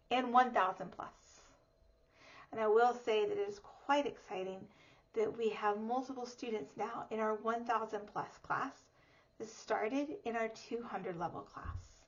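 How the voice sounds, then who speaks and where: A woman reading teacher giving an upbeat, clear presentation of her academy's classes to parents. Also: fairly high pitch. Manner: upbeat, clear and explanatory, with lively emphasis. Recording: slightly dull lo-fi audio.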